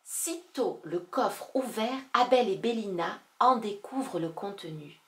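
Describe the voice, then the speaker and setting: A woman reading a children's story aloud, slow and gentle, lifting her voice for the characters. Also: medium pitch, expressive, roomy sound.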